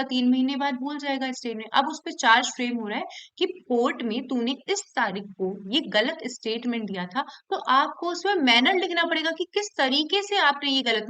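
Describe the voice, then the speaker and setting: Woman teaching law, higher voice. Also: sharp tone, smooth, poor audio. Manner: explains by repeating herself and asking the class questions; reads statute text aloud slowly. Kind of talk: classroom lecture.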